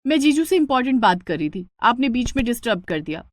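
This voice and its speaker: A woman's voice: a little high, big pitch swings, quick pace, no echo, studio quality. A woman voicing a vain, lovestruck young woman in a storybook cartoon, petulant and coquettish. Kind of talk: storybook narration.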